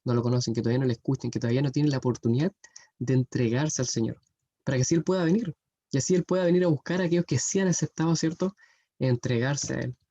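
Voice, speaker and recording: A man's voice: mid-range voice, fast, warm tone, a little hiss or hum. A young man preaching an earnest youth sermon, often checking in with his listeners. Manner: earnest, often adds "¿cierto?". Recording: dull muffled sound.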